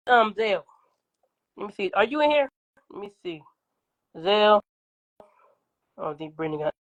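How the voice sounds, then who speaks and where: Combative coughing woman ranting on a livestream. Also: mid-range voice. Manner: combative, profane, talking back to viewers. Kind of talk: casual livestream rant.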